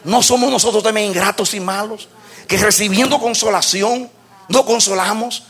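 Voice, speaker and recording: A male pastor preaching an impassioned sermon that rises to shouted peaks. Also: high voice, moderate pace, husky.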